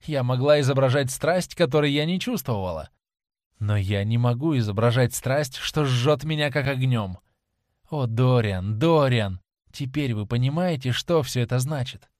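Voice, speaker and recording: A man's voice: mid-range voice, animated, moderate pace, darkish tone, no echo, close to an everyday voice. Passionate, devoted young actress, read by a man, pleading, plain mid voice, dry close recording. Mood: impassioned. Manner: impassioned, pleading. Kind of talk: audiobook reading.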